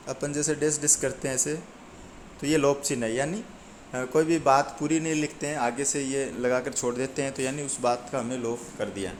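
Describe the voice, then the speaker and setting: A man's voice: a little high, a little hiss or hum. Man teaching Hindi grammar step by step. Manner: explains step by step, often rephrasing and asking and answering his own questions; reads out lists of number words one by one. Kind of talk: explaining a lesson to exam students.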